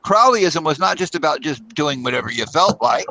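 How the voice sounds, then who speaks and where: A man's voice: on the high side, lively intonation, moderate pace, sharp tone, slight background noise, low-quality recording. A man co-hosting a casual podcast discussion, emphatic and full of questions. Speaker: podcast co-host.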